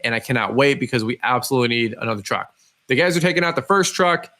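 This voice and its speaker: A man's voice: medium pitch, animated, fast, pushed and bright. A man hosting a podcast as a casual live stream, talking informally and directly to his listeners. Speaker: podcast host. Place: live stream with a cat nearby.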